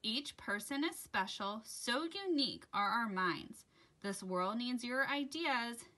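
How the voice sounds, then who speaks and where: Reading a rhyming children's picture book expressively, a woman who hosts story time gives a dramatic, deliberate performance aimed at young listeners. Her tone is bright and crisp, her pitch lively and swooping, and she takes her time.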